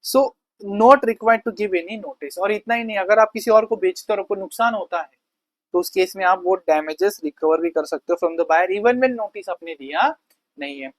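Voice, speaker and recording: A male teacher giving a conversational law lecture. He reads definitions slowly, explains them quickly and casually, and keeps asking the class questions. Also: high voice, no echo, low-quality recording. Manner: asks the class rhetorical questions.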